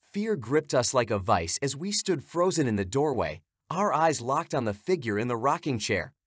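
A man's voice: medium pitch, sing-song, normal speed, husky, no echo, clean studio sound. A man giving scripted, suspenseful narration of a horror story.

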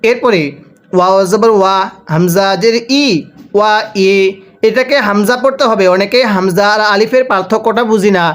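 A man from Bangladesh teaching Quran reading in a recitation spelling lesson. He spells each syllable slowly and has listeners repeat after him. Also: sits high, fairly bright tone.

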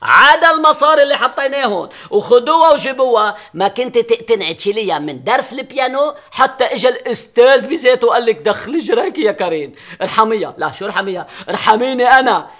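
A man's voice: animated, fast talker. An actor with a Lebanese accent playing a teasing, exasperated husband and father in a sitcom, mocking one moment and coaxing the next. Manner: mocking, wheedling, swings from booming to soft coaxing. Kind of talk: sitcom acting.

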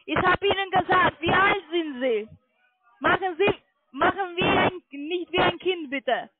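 A woman working as a call center agent, shouting a pushy sales pitch into a mic that is too close to her mouth, so her voice clips and distorts. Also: unhurried, heavy background noise. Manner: shouting into the phone, pushy, repeats her questions. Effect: clipping, distorted, overdriven mic. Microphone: headset or phone mic held too close to the mouth. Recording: tinny, distorted phone line.

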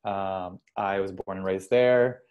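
A man from Venezuela in his thirties speaks with a fairly low voice in a small indoor room. He talks casually over an earbud mic on a video call, halting and restarting often. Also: fairly even intonation, a little mellow, clear, resonant tone, highs cut off. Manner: halting, many restarts and fillers. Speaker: guest. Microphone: earbud headset mic on video call.

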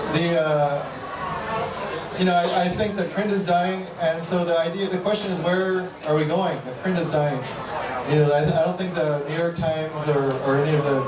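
Guy at a meetup talking into a handheld mic, slightly high voice, echoey hall picked up from far off, crowd murmur behind. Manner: relaxed, self-deprecating, restarts sentences often. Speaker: guest speaker. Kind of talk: conversational talk and Q&A. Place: dark event hall, indoors. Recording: roomy hall audio from a distant camera, crowd behind. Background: audience.

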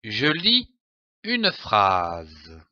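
A man giving a reading lesson, spelling out letters and sounding out each syllable clearly. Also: fairly low pitch, wildly swooping pitch, drawn-out words, bright, forceful tone, no echo, lo-fi sound. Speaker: reading teacher.

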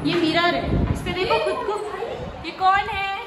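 A woman's voice: very high voice, measured pace, a loud crowd. A woman vlogger, aunt to the children, coaxing and directing little kids with short repeated commands in a school playroom. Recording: noisy background ambience.

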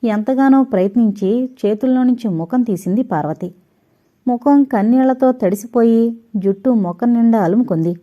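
A woman narrating an audio novel in a steady, measured reading. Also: on the high side, muffled recording.

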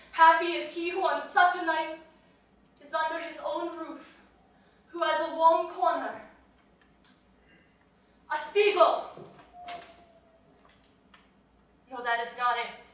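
An actress as a distraught young actress, echoey stage. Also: female voice, sits high, slow, long pauses. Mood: wistful. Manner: dreamy, wandering, drifting between hush and outburst. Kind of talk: stage play performance. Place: theater stage. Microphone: distant room mic. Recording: echoey theater taped from far off.

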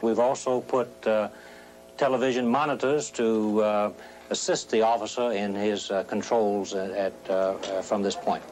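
A man explaining things as an official in an interview, formal and halting. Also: on the low side, steady tone, a little mellow. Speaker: security official being interviewed. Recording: old TV interview, faint noise.

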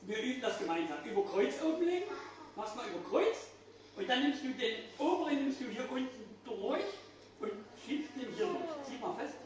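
A man's voice: extremely high pitch, very animated, normal speed, crowd noise. An older man performing as a children's party magician, playfully firing questions and exclamations at the children in show patter. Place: indoors, small restaurant-like room. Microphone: distant phone camera in the audience. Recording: echoey room, far from mic, faint noise.

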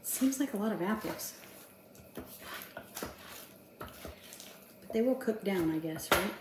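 A woman's voice: medium pitch, animated, takes it slowly, background noise. A woman in her fifties chats her way through a recipe in her home kitchen, joking at her own expense. Her voice carries through a roomy, echoing space from a camera set across the counter. Utensils and dishes clink faintly behind her. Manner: chatty, self-deprecating, talks to herself while working. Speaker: home cooking vlogger. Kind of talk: casual cooking chat to camera. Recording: echoey kitchen with clattering dishes.

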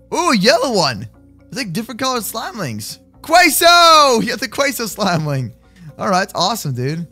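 A young man giving goofy, hyped gameplay commentary, chatting to his sidekick and viewers with sudden shouts. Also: high voice. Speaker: gaming YouTuber.

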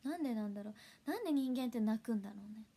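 Young idol girl rambling on her stream, giggles, slips into whispers, kinda high voice. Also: lively intonation, rapid-fire. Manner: chatty, giggly, drops into soft whispers. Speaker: idol livestream host. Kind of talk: casual livestream chat.

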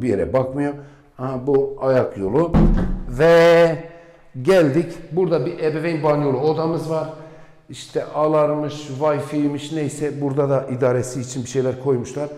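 A man's voice: on the high side, dark tone. A man in his forties from Turkey, a real estate agent giving a rambling house tour with folksy asides, recorded on a camera mic while walking through an empty villa. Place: empty unfurnished villa, indoors. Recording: echoey empty rooms.

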